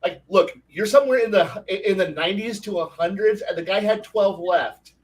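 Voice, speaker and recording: High-voiced man telling gory game tales. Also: normal speed, recorded from a distance, rough recording. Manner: animated, profane storytelling with vivid gory detail. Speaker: game master on a discussion panel. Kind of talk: casual panel discussion.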